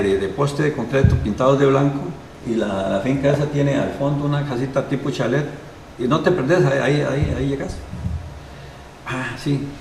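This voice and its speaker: A man's voice: mid-range voice, vocal fry. An older man with a Costa Rican accent, a guest in an interview who tells a long anecdote and acts out the dialogue of the people in it. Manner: lively storyteller who acts out quoted dialogue. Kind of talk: anecdotal storytelling. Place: live show recording. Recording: roomy and distant, with background noise.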